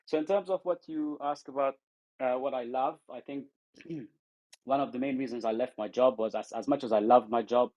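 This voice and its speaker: A man from Afghanistan appears as a guest in a casual interview, heard through a muffled social audio stream. His medium-pitched, darkish voice holds a steady tone at normal speed, though he speaks hesitantly with many ums and restarts.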